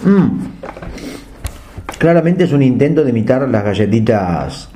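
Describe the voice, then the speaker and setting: A man co-hosting a podcast in casual banter, delivering absurd jokes deadpan. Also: mid-range voice, unhurried. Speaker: podcast co-host. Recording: echoey room with faint noise.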